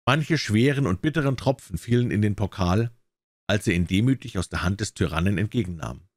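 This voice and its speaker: A low-voiced male audiobook narrator who reads a classic tale with a lively, rising and falling delivery. The recording is dry and close, with no room sound at all. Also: brisk, dry recording. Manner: expressive storytelling. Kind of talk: scripted narration.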